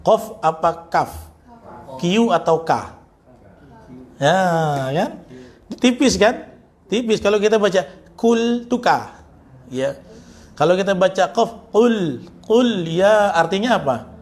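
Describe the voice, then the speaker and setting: A man's voice: high-pitched, expressive, slow, long pauses. A man teaching Quran recitation, chanting verses and then correcting pronunciation with teasing remarks.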